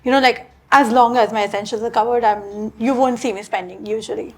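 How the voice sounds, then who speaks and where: A woman's voice: on the high side, steady tone, fairly quick, darkish tone. A woman with an Indian accent talking casually and informally as a guest on a podcast. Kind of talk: casual chat.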